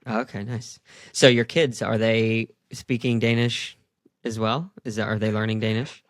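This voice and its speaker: A man's voice: fairly low pitch, little pitch movement, measured pace, dry recording, studio quality. A man hosting a podcast interview, chatting in a friendly, casual way with lots of fillers. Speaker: podcast host.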